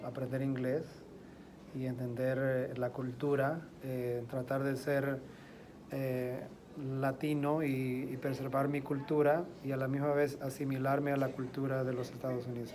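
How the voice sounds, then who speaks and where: A man speaks at an everyday mid pitch, answering an interviewer with thoughtful pauses and soft fillers. A faint hum of background noise sits behind him. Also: flat delivery. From El Salvador. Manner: thoughtful, pausing with eh.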